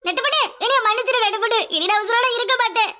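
A woman plays a plump, self-pitying village mother in a comic cartoon, with a Kanyakumari Tamil accent. Her voice is very high, squeaky and bright, and she wails and complains theatrically. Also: racing. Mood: wailing. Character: plump distraught village mother, weepy and dramatic.

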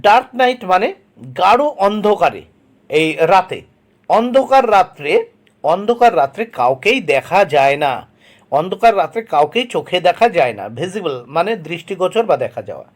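A man explains a textbook lesson in a lively voice that swings up and down. He drags out each example sentence slowly and repeats words syllable by syllable. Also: high-pitched. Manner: slow, drawn-out reading of English example sentences. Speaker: teacher.

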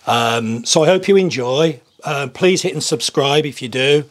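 A middle-aged man giving a relaxed paragliding lesson step by step on an open hillside, wearing a clip-on mic. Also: on the high side, normal speed, dry recording. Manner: relaxed, chatty, explains step by step. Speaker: paragliding instructor. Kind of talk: outdoor tutorial. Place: open grassy hillside outdoors.

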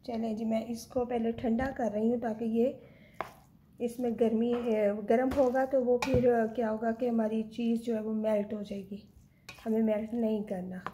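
Woman, home cooking host, fairly high voice, chatty step-by-step talk to viewers with English words mixed in. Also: flat delivery, normal speed, warm tone, a little hiss or hum. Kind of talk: step-by-step recipe demonstration.

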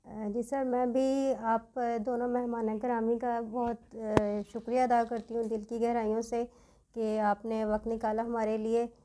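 A woman's voice: a little high, flat delivery, unhurried, dark tone. A young woman, a media manager, politely thanking guests to close a panel in a small studio on a desk mic. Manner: polite, grateful. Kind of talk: formal closing remarks. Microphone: desk boom mic.

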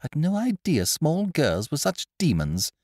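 A man voicing a breezy, chummy young gentleman of leisure who frets easily. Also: on the high side, huge pitch swings, a little slow, breathy edge, no echo, clean studio sound, voice pushed up, full character voice. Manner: breezy, chummy upper-class banter.

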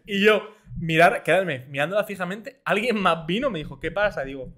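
A young man from Spain telling stories in a casual podcast chat, animated and swearing freely, sometimes mimicking other people's voices. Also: high-pitched, moderate pace. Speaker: podcast co-host.

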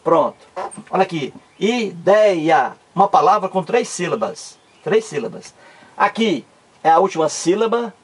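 With a high-pitched, husky voice and big pitch swings, a teacher from Ceará, Brazil, delivers a grammar lesson at normal speed. He speaks Cearense Brazilian Portuguese and repeats things emphatically throughout.

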